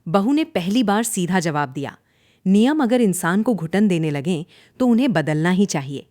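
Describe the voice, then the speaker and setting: A woman narrates a cartoon story in a dramatic way, her pitch rising and falling a great deal. The recording is close and dry, with no room sound. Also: very animated, normal speed, mellow, no echo.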